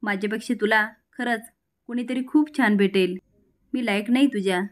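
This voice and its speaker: A woman's voice: a little high, moderate pace, close to an everyday voice. A woman voicing a guilt-ridden young man who turns angry, reading his lines earnestly in a storybook retelling. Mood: remorseful.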